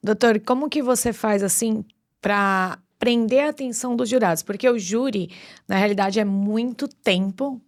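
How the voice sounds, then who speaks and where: A woman co-hosting a podcast, asking her guest questions in a measured, drawn-out way. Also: mid-range voice. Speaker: podcast co-host. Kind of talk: podcast interview.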